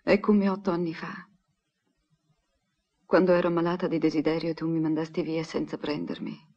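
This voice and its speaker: A woman voices a troubled young woman in a 1960s Italian film dub, confessing her anguished, intimate longing for a professor who is absent. Her voice sits low and warm, level in tone and at normal speed, on a dull lo-fi film soundtrack.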